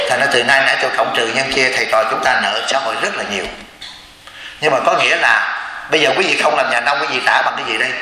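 Male Buddhist preacher, sharp bright voice, sermon in a very echoey hall with faint room noise. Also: mid-range voice. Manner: keeps asking the audience rhetorical questions. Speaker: Buddhist teacher. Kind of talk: sermon to a congregation. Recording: echoey hall with long reverb.

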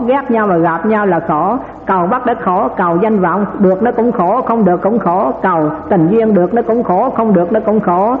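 A man giving a Buddhist dharma talk, asking his listeners rhetorical questions with chuckling asides. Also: high-pitched. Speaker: Buddhist teacher. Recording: echoey hall over tinny lo-fi line.

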